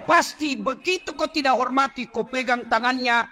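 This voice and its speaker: A man's voice: extremely high pitch, normal speed, bright, forceful tone. A middle-aged man with an Indonesian accent giving a humorous sermon in a mosque, joking with the audience. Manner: jokey, acts out quoted voices, addresses audience directly. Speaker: preacher.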